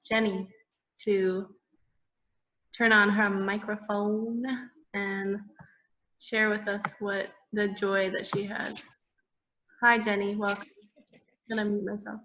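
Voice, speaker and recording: A woman hosting an online open mic, thanking performers and introducing the next one with slow, gentle introductions. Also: mid-range voice. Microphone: video call. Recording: dull lo-fi video call audio.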